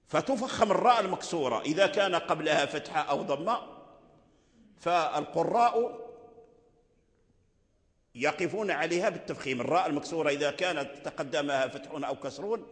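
A man teaching rules of Quranic recitation, explaining slowly and repeating example words. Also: a little high. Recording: long hall reverb.

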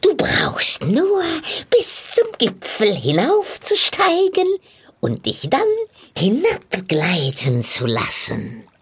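A woman voicing a sly, ugly old witch who croaks, cackles and coaxes. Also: huge pitch swings, slow, exaggerated voice. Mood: coaxing. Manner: wheedling, cackling, sudden shrill rises.

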